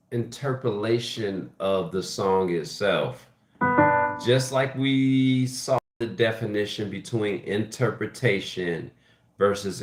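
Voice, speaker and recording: A man giving a casual live music lesson, thinking aloud in a halting way and often restarting his phrases. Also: fairly low pitch. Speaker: music teacher hosting a livestream. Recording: echoey room with piano playing. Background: piano.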